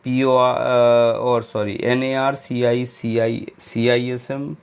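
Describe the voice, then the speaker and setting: Male teacher, slow and gravelly, spells words out letter by letter in an exam-prep lecture. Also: mid-range voice, flat delivery. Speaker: English teacher.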